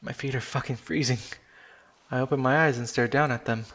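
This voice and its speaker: A man narrating a first-person story in a live stream, his delivery casual and unpolished. He curses now and then and backs up to restart sentences, at a middle pitch for a man. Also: steady tone, fairly quick, fairly bright tone.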